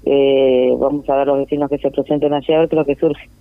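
A neighborhood representative with a Uruguayan Spanish accent is interviewed over the telephone, her bass voice fast and barely moving in pitch. She hesitates a lot, filling gaps and restarting sentences. The tinny, dry phone line carries no room sound.

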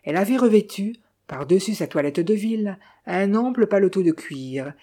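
A woman narrating a novel in a measured, even reading style. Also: medium pitch.

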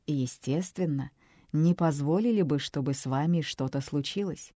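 Brief: woman doing an authoritative official man in an audiobook, low and calm. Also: moderate pace, dry recording, clean studio sound. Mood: assured. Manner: calm, commanding. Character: authoritative male government official.

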